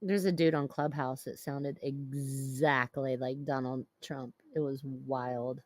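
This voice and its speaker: A man chatting quickly and casually in a group voice chat with traders. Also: medium pitch, fairly even intonation, no room sound.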